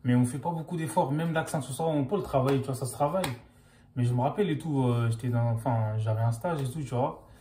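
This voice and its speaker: A man's voice: mid-range voice, fast talker, mellow, slight background noise. A young man, chatting casually to camera in loose, slangy speech full of fillers. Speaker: vlogger.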